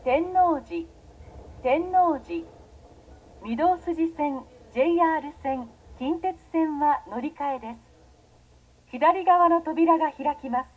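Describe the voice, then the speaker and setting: Woman, high-pitched voice, formal subway announcer, scripted and carefully phrased. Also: slow pace, narrow, tinny audio.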